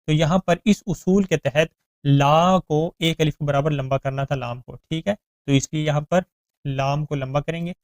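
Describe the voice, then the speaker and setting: Man, Quran reading teacher, smooth clear voice, slightly high, spells out syllables, dry close recording. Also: steady tone, dry recording. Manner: explains rules in plain talk, then recites verses slowly and melodiously. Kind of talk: Quran recitation lesson.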